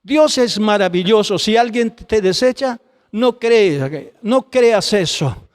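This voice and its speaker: Impassioned high-voiced preacher in a hall. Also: male voice, animated, slow. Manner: impassioned, pleading, addresses listeners as brother. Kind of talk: testimony sermon.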